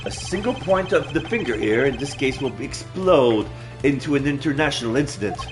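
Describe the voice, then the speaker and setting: A man's voice: mid-range voice, expressive, moderate pace, over music. A man playing a video game, reading its dialogue aloud and commenting as he goes.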